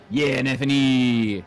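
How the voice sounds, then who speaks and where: A man with a medium-pitched voice and vocal fry co-hosts a game livestream, chatting casually over a voice call close to his mic.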